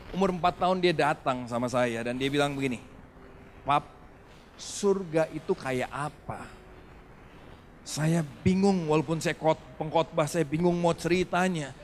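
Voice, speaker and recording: Animated preacher man, higher voice. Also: a little hiss or hum. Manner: animated storytelling with congregation call-and-response. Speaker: pastor. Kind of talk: sermon.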